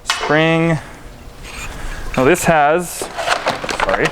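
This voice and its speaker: A man's voice: on the high side, lively intonation, drawn-out words, noisy background. A man co-hosting a car show, chatting casually and explaining each step as he works on a car in a garage. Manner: joking, explains steps as he works. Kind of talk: casual garage chat while working.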